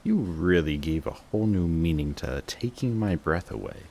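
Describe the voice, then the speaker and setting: A man playing a bitter, guarded villain secretly devoted to his rival, in an intense, sardonic audio roleplay monologue with dramatic pauses. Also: low voice, lively intonation, darkish tone. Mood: anguished, confessing. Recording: clearly audible background noise.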